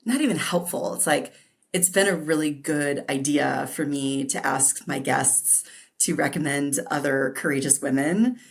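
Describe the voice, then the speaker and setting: Unhurried and gravelly, this podcast host's low voice first reads out a guest introduction, then turns to a casual, gushing interview conversation. She laughs a lot and uses many fillers.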